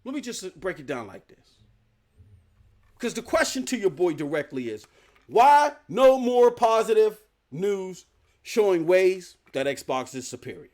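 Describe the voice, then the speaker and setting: A man hosting a live gaming news stream, firing off rhetorical questions and slang in a fervent rant. His voice sits high and swoops up and down with energy. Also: very animated, a little slow, a little mellow.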